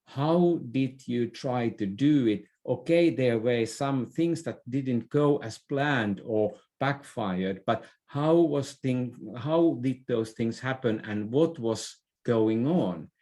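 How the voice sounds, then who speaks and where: This interview guest, a leadership expert, has a mellow, slightly low voice and lively intonation. He explains his ideas conversationally and without hurry, though haltingly, often repeating words and correcting himself.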